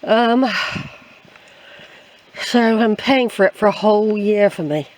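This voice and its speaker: A woman's voice: mid-range voice, slow pace, darkish tone. An older woman with an English accent, chatting reflectively and repeating phrases as she vlogs outdoors on a woodland walk. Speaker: hiking vlogger. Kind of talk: casual rambling walk commentary.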